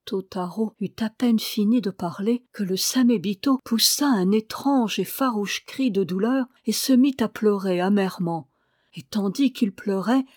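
Woman storyteller, measured read-aloud delivery, mid pitch, dry recording. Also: a little mellow, no room sound. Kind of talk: reading a fairy tale aloud.

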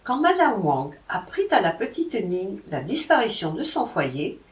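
A woman reading a folk tale aloud with an expressive delivery. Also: medium pitch, a little slow. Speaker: narrator. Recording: roomy, from a distance.

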